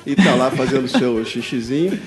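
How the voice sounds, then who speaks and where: A man's voice: medium pitch, animated, brisk, over music. A man with a mid-range voice swapping jokes with friends. He talks in an easygoing, chatty way and keeps the banter moving. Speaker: joke teller. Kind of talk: casual joke telling.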